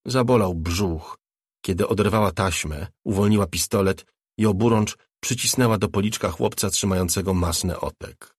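A man reading a novel aloud as an audiobook narrator, in a measured, even delivery. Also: sits low, breathy edge, no echo, clean studio sound. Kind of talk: scripted narration.

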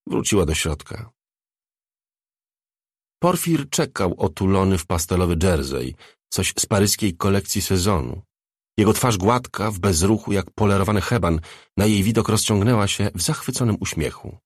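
A man narrating an audiobook in an expressive reading style. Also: low voice, moderate pace, husky, no echo, clean studio sound. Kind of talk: scripted narration.

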